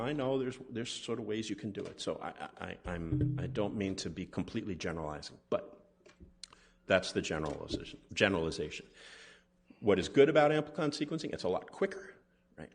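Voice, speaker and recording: A man's voice: on the low side, breathy edge. A man, a molecular pathologist, giving a conference lecture in a conversational way, often checking in with the audience. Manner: conversational, asks the audience "right?" and "okay?". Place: conference hall.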